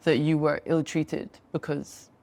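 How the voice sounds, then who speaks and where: A woman's voice: deep voice, flat delivery, a little slow, gravelly, dark tone. A woman hosting an interview, asking questions and answering often with short, supportive acknowledgments. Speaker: host and interviewer.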